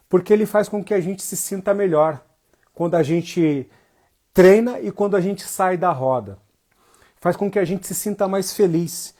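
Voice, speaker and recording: High and a little mellow, this man's voice carries a northeastern Brazilian accent from Jacobina, Bahia, Brazil. As a capoeira teacher, he greets viewers in a casual livestream lesson, staying informal and slangy and repeating phrases for emphasis.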